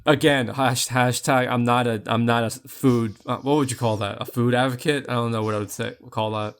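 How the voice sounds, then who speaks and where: Young guy podcast cohost, rambly jokey stories, keeps restarting, normal pitch. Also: fairly even intonation, a little fast, smooth. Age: young adult. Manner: rambling, joking storyteller with many restarts. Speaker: podcast co-host. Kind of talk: casual chat.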